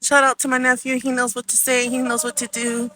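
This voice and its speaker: A high-pitched woman with a bright, clear tone chats casually as she hosts her family vlog. She is playful and jokey, often breaking into laughter, recorded outdoors at a park. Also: monotone, fairly quick, a little hiss or hum. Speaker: family vlogger host.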